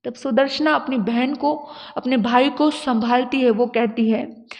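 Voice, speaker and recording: A woman's voice: on the high side, fairly even intonation, a little slow. A woman Jain nun preaching a sermon, telling a story dramatically and emotionally in a live hall. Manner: dramatic, emotional storyteller who shifts into song. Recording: long hall reverb.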